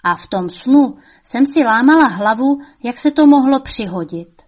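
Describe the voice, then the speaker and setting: A woman's voice: fairly high pitch, animated, a little mellow, pitched above the performer's own voice. A woman voicing the devil's old mother, a cunning woman who scolds shrilly and coaxes sweetly. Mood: coaxing.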